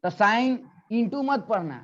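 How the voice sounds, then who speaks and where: A man's voice: high voice, animated, slow pace, a bit bright. A male physics teacher giving a classroom lecture, coaxing students and repeating questions. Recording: dull lo-fi classroom recording.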